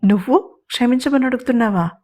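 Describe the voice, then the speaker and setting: A woman's voice: fairly high pitch, fairly quick, a little mellow, pitched above the performer's own voice, close to an everyday voice. Woman voicing a sassy bossy younger sister. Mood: teasing. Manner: sassy, raised and scolding.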